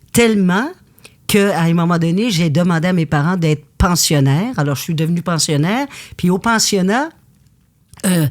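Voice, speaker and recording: A woman from Quebec, a guest in a candid conversation who tells her stories with intensity. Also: sits low. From Quebec, Canada. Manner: intense, animated storytelling.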